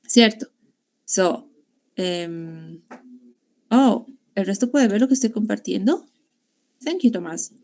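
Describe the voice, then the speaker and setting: Young woman teaching english on a video call, with english bits thrown in, warm and encouraging. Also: mid-range voice, animated, slow pace, long pauses. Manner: explains grammar in Spanish mixing English classroom phrases. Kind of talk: online class lecture.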